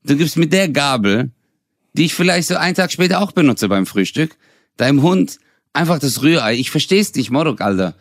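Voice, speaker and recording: Young adult man, comedy podcast co-host, ranting storyteller, pitch leaping all over, laughs a lot. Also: normal speed, dry recording, clean studio sound. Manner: animated, ranting, mocking, laughs often, slangy.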